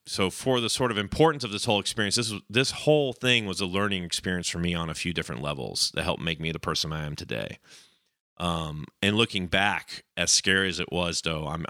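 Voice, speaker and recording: A man's voice: pushed and bright, clean tone, dry recording, studio quality. A young man hosting a podcast, telling a long personal story in a rambling, casual way and acting out the people in it. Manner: rambling, acts out quoted voices with raised pitch.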